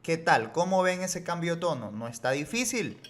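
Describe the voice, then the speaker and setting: Animated man teaching in a video lesson. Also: a little high. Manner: animated, reassuring, repeats examples slowly. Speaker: Mandarin teacher. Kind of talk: video lesson explaining tone rules.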